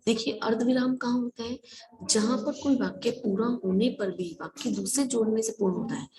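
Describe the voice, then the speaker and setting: A woman's voice: fairly high pitch, moderate pace, rough recording. A woman teaching an online Hindi class, explaining step by step and asking and answering her own questions.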